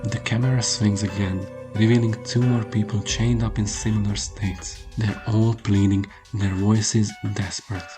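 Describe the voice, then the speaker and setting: Low-pitched man narrating horror over music. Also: flat delivery, a little slow, few pauses, warm tone. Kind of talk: scripted first-person horror narration. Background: prominent music under the voice.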